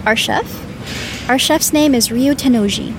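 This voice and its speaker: A woman's voice: high voice, slow, background noise. A woman playing a courteous inn hostess. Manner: courteous, descriptive tour-guide tone. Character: polite attentive inn hostess.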